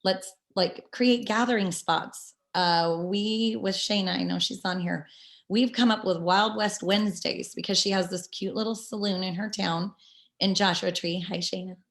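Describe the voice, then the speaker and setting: A woman's voice: mid-range voice, fairly even intonation, moderate pace, fairly bright tone. A woman talking casually and with energy as she leads a motivational team call over a video link, with many fillers. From California. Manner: upbeat, chatty, many fillers. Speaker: team leader.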